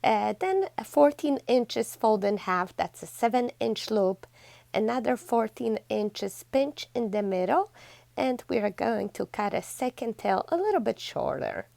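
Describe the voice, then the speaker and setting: A woman narrates a home craft tutorial in a slightly high voice with a gravelly, fried edge. She talks chattily and effusively to her viewers between steady step-by-step instructions. The sound is close and dry. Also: unhurried, no echo. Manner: chatty and effusive, warmly thanking viewers as "besties". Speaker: DIY craft channel host.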